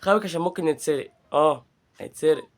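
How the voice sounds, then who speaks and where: High-voiced Egyptian man teasing through gameplay. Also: rapid-fire. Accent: Egyptian Arabic. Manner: playful, teasing, trash-talking the game. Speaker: gaming channel host. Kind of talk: gameplay commentary.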